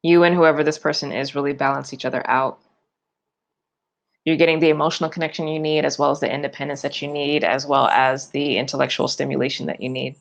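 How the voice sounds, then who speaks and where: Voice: mid-range voice, steady tone, fast, creaky. A tarot reader giving a loose, chatty forecast, full of fillers and restarts and yawning often.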